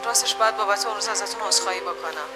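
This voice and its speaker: An actress playing a polite, hesitant hospital colleague who phones to apologize. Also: female voice, medium pitch, loud music behind the voice, close to an everyday voice. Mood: apologetic.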